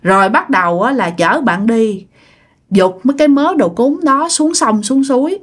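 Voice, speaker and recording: A woman with a Southern Vietnamese accent recounts a ghost story in an easy, chatty way, sprinkling her sentences with tag particles. Her voice sits a little higher than most women's. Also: animated, moderate pace, breathy edge. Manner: chatty, loose and conversational, with frequent tag particles. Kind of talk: casual spoken ghost story.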